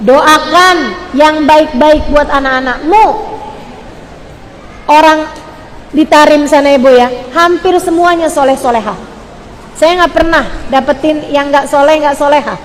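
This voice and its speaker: A woman's voice: sits high, in a large hall, a little hiss or hum. A woman preacher giving an earnest sermon to mothers, speaking straight to her listeners and repeating phrases for emphasis. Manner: addresses listeners directly as mothers. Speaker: Islamic preacher. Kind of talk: sermon to women.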